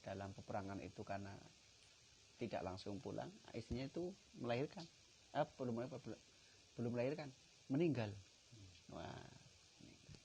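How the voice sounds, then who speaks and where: A man's voice: mid-range voice, moderate pace, gravelly, long pauses, slight background noise, rough recording. A man with a Tegal Javanese accent, a religious teacher telling a story as part of a study lesson and acting out its dialogue. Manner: animated storyteller, acts out dialogue. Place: village study gathering.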